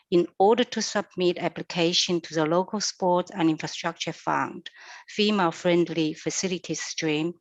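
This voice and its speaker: A woman serving as a council CEO, reading officers' advice aloud in a measured, formal way at a council meeting. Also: fairly low pitch, no echo, highs cut off.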